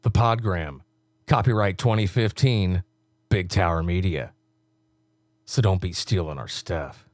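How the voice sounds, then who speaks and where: A man recording radio station promos in a deep announcer read, joking and laughing between takes. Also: unhurried, pauses often, dry recording. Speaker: radio voice-over talent recording station liners.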